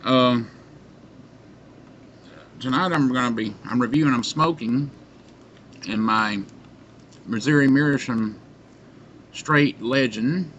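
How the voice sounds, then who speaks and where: A middle-aged pipe tobacco reviewer chats casually to camera from a small, dim indoor room, halting and unhurried with long pauses. His mid-range voice is a bit bright. A webcam or computer mic at arm's length gives muffled sound with background noise.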